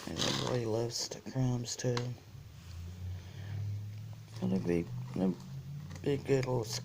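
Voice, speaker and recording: A person giving a casual, halting product review, reading out details item by item with pauses. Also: mid-range voice, vocal fry. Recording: noisy room, crinkling bag and clicks.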